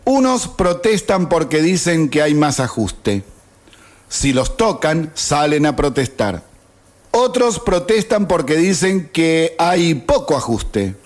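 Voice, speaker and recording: Argentine guy in his 50s reading a radio editorial, slow and sarcastic, kinda high voice. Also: big pitch swings. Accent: Argentine Spanish. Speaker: radio host. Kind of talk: read-out opinion editorial. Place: radio studio.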